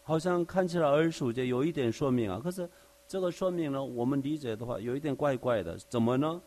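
A man's voice: mid-range voice, fast, a little mellow. A man teaching the Bible conversationally. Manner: asks rhetorical questions, checks in with the listeners often; explains verse by verse with everyday examples. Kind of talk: conversational Bible study sermon.

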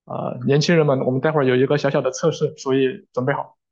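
A man interpreting a sermon live, with fillers and quick self-corrections. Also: medium pitch, flat delivery, a little mellow, muffled recording.

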